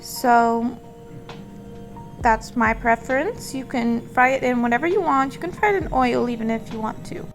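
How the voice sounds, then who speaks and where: A woman with a slightly scratchy, off-sounding throat gives a casual, chatty cooking voice-over, explaining each step without hurry. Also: on the high side. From Portugal. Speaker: home cook hosting a recipe vlog. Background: background music.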